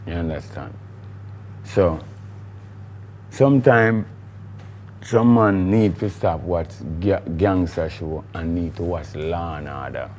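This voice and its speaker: A man's voice: sits low, slow, pauses often, a little mellow, slight background noise. A middle-aged man with a Jamaican accent, a guest in a studio interview, talking in a rambling, emphatic way with patois phrasing. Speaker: guest, recording artiste.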